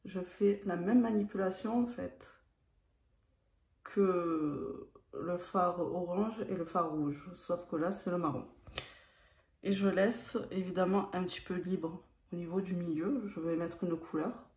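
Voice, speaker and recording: A woman walks her viewers through a makeup routine in a slow, calm, step-by-step way. Her tone is warm and mellow rather than bright. The room around her rings with a noticeable echo. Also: fairly low pitch. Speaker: beauty vlogger. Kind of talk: makeup tutorial narration.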